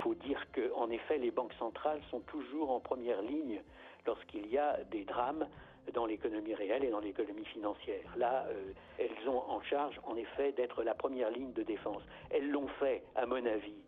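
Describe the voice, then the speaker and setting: A man speaks as an expert on a radio broadcast, choosing words slowly with many hesitations. His voice is very rough and husky, and the clip sounds narrow and phone-like. He sits at an average pitch for a man. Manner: measured, with frequent hesitations. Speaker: interviewed expert. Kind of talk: radio interview.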